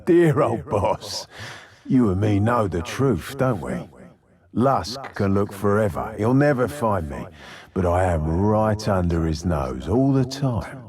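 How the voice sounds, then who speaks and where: An actor playing a deranged, sadistic Victorian serial killer in a video game, with a gravelly, husky British voice and a theatrical, taunting delivery. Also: male voice, on the low side, sing-song, a crowd in the background. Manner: theatrical, taunting, drawn-out menace.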